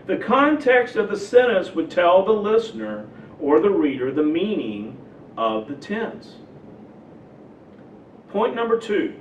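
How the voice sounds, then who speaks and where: High-pitched guy giving a slow teaching sermon, roomy church echo, kinda dull distant sound. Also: slight background noise. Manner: slow, deliberate explaining with spoken examples. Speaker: pastor. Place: church sanctuary.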